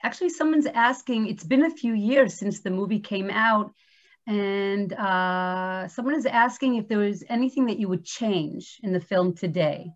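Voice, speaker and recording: A woman's voice: mid-range voice, moderate pace. A woman from the museum staff moderating a virtual talk. She speaks with a slight lisp and reads audience questions aloud. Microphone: video call. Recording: slightly dull lo-fi audio.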